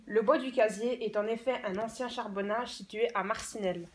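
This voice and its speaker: A woman's voice: on the high side, fairly even intonation, a little fast, a crowd in the background. A woman delivering a scripted news report as a field reporter.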